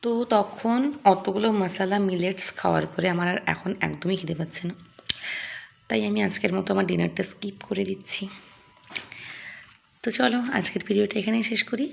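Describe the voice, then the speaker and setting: A chatty woman in her early twenties with a Bengali accent talks her way through an everyday vlog. Her voice carries a noticeable gravelly fry. A faint background hum sits under it. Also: medium pitch. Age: early 20s. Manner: chatty, talks fast by habit. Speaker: vlogger. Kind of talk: casual daily vlog chat.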